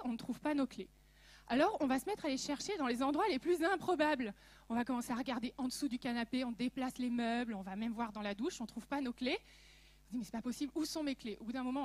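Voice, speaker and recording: A woman from Alsace giving a church message, telling stories in a lively, humorous way and speaking directly to the audience. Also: a little high. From Alsace, France. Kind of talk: sermon with storytelling.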